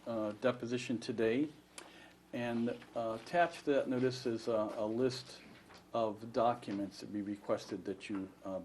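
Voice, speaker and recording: A man's voice: fairly low pitch, a little mellow. A man questioning as an attorney in a formal deposition, polite, methodical and procedural. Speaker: plaintiff's attorney questioning a witness. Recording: faint room noise.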